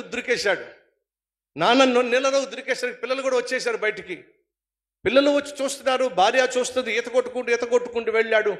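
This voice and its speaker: Male preacher, high-pitched, fervent sermon delivery with storytelling. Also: a bit bright.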